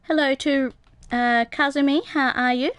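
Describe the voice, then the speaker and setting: A woman's voice: sits high, fairly even intonation, measured pace, a bit bright, no room sound. A young woman streaming a game, chatting casually with viewers and reading their comments aloud, with plenty of ums and uhs. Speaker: gaming livestreamer. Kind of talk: casual live-stream chat while playing.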